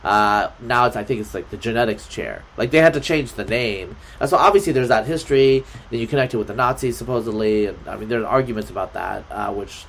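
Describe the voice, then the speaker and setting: A man's voice: lowish voice, quick pace, hardly any pauses, a little hiss or hum. A man as a podcast guest, talking in a loose, rambling way with lots of fillers. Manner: rambling, filler-heavy, lively. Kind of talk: casual conversation.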